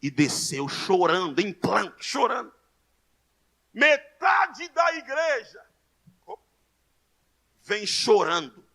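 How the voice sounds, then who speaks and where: A Brazilian man preaching a Pentecostal sermon, telling a story that builds into shouted proclamations and speaking in tongues. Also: high-pitched, big pitch swings, slow pace, creaky, long pauses, husky. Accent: Brazilian Portuguese. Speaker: pastor.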